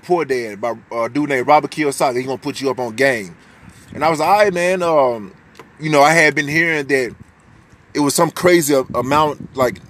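Slight background noise sits under this personal podcast monologue from a deep-voiced American host in his twenties. He's candid and loose, cursing freely and often starting sentences over.

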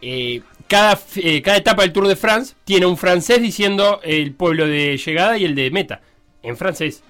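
A man trades quick, joking banter as a radio sports co-host. His voice is fairly high and bright, with faint music playing under the studio mic. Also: expressive.

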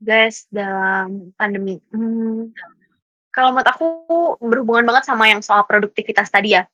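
A woman's voice: mid-range voice, level tone, normal speed, dull audio, over music. A young woman chatting casually on a podcast, mixing in English words and laughing often. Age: young adult. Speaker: podcast guest speaker.

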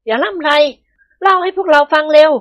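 A woman voicing a bossy young wife who threatens her husband, high and commanding, in an audiobook. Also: animated, fast talker, no echo. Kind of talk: audiobook character reading.

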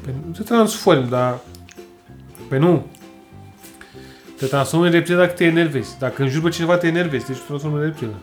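A man's voice: on the high side, long pauses, faint music behind. A Romanian man co-hosting a casual chat, joking, swearing and laughing often. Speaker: podcast co-host.

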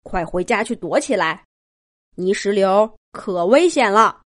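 A woman voicing a calm, caring adult male Doberman police chief in a children's story. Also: medium pitch, unhurried. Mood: steady.

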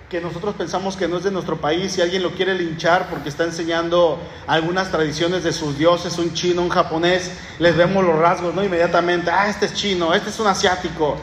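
A man with a Mexican Spanish accent preaches a sermon in a high-pitched voice, teaching from the Bible like he's telling a story and often restarting his sentences. The recording has a slight hiss or hum, and it sounds like an echoey hall with long reverb and faint ambience.

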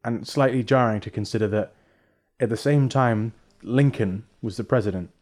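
A man in relaxed conversation, laying out historical facts in a measured, explanatory manner. His delivery is casual and steady, like a co-host walking a friend through a topic. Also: mid-range voice. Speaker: podcast co-host presenting history. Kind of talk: casual chat.

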